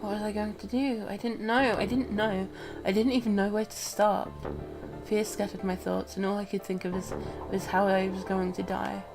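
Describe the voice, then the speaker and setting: A woman streamer with a cold, reading a visual novel aloud in first person, with quick asides. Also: medium pitch, flat delivery, gravelly, over music. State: has a cold.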